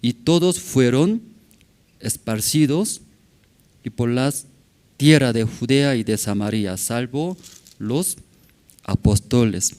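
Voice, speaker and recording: Pastor speaking broken Spanish. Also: male voice, medium pitch, a little mellow. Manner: broken non-native Spanish, tag questions, chuckles. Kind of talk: informal sermon with storytelling. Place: church.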